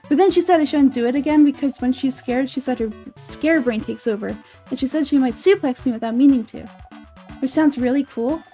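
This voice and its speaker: A woman's voice: sits high, mellow, close to an everyday voice. A woman doing a bouncy, chatty little kid. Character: cheerful energetic little kid adventurer.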